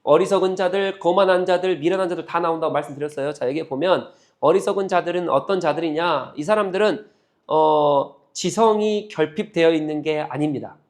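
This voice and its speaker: A man preaching a sermon in church, emphatic and fond of rhetorical questions, rising to loud exhortation. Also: fairly high pitch, fairly quick. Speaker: pastor.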